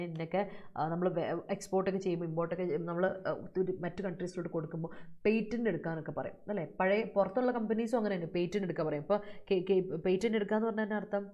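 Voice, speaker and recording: A woman teaching English vocabulary in a live online exam-prep class. She explains each word in Malayalam and reads student answers aloud slowly. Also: medium pitch, dark tone.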